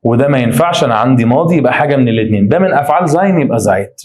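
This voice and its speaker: A man with an Egyptian Arabic accent, teaching German grammar by walking through exercises and reading the sentences out slowly. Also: medium pitch, lively intonation, darkish tone. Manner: quick explanatory, reads German slowly. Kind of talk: exam exercise walkthrough.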